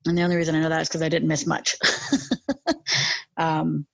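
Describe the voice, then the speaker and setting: A woman's voice: low voice, monotone, a little fast, gravelly, dry recording. A young woman with a lateral lisp, chatting casually in an interview, rambling with many fillers. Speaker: interview guest.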